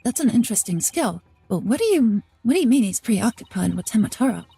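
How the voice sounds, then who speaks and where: A woman's voice: on the high side, sing-song, fairly quick, vocal fry, warm tone, husky, faint music behind, exaggerated voice. A woman reading aloud as a nervous young male defense lawyer doubting himself. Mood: puzzled. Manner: fretful, self-doubting. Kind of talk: reading game dialogue aloud.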